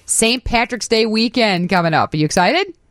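A woman's voice: a little high, expressive, moderate pace, fairly bright tone, no room sound. A woman hosting a live radio show, chatting casually and effusively with guests in a studio. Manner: effusive, gushing. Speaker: radio host.

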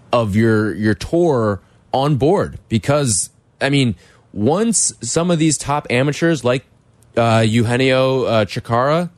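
A man's voice: mid-range voice, no echo. An American man hosting sports talk radio, giving opinionated commentary with emphatic rhetorical questions. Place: radio studio. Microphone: close studio microphone.

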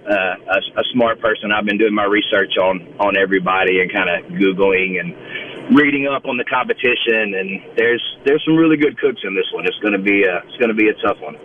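A man's voice: fairly low pitch, brisk, a little hiss or hum. A man with a Mississippi accent talking casually as a chef being interviewed, in a folksy, rambling, conversational way. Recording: thin phone-like line, distant from mic.

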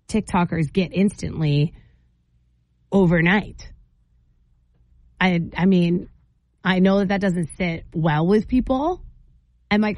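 A woman hosting a morning radio show, chatting casually in an animated, informal way with a co-host and callers. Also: medium pitch, no echo. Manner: animated, informal, terms of endearment. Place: radio studio. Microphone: close studio microphone. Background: faint music.

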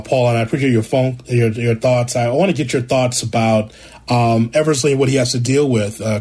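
A man's voice: medium pitch, darkish tone, slightly rough. A man hosting a sports radio show who interviews a guest and comments, in a conversational way with fillers.

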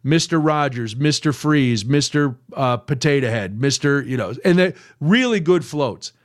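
A man's voice: medium pitch, measured pace. An older man hosting a radio show, telling self-mocking stories in a casual chat. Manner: animated, self-mocking storyteller. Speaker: radio host.

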